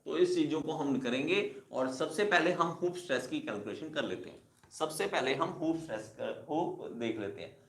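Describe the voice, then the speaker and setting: A man's voice: fairly high pitch, lively intonation, moderate pace, reverberant. A male engineering teacher giving a classroom lecture, repeating key terms and calling his students kids. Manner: repetitive, addresses students as kids.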